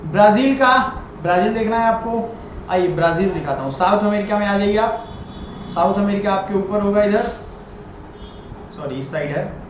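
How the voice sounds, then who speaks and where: A man's voice: high voice, animated, moderate pace, a little hiss or hum. Echoey male teacher quizzing. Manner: repeats answers and quizzes the viewer. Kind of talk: exam-prep general knowledge lesson. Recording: very echoey, dull lo-fi room audio.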